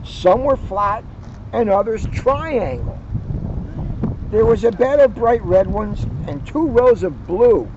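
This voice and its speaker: Recorded outdoors at a garden center, a man with a notably high voice reads a picture book to kids and chats casually, stretching out the ends of his phrases in an expressive, deliberate storyteller's manner. He's a police officer in a community video series, and the sound is dull with faint background noise.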